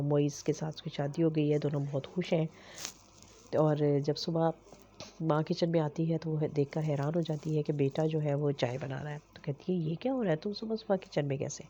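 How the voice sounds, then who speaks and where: A woman recapping a TV drama episode at an unhurried pace, with frequent hesitations. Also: sits low, mellow, slight background noise. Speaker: drama reviewer. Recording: dull lo-fi recording.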